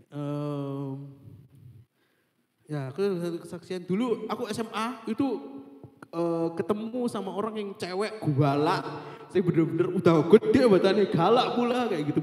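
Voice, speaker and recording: A man's voice: high-pitched, animated, measured pace, darkish tone. A young man, giving a casual devotional talk in a chatty way, often repeating a stock phrase and mixing in English. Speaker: youth devotional speaker. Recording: echoey hall with faint guitar.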